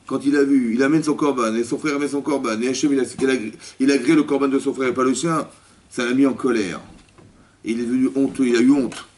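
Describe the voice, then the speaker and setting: A male rabbi giving a spoken religious lesson to a women's class, lively, often asking the listeners questions and acting out dialogue. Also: medium pitch, fast talker. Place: community hall classroom. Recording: distant mic with faint background noise.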